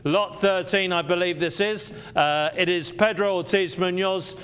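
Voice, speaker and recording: Guy doing live auctioneer patter, repeats short lines, high pitched, really clean resonant voice. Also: fairly even intonation, measured pace, fairly bright tone, smooth. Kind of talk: live auctioneer selling, calling bids.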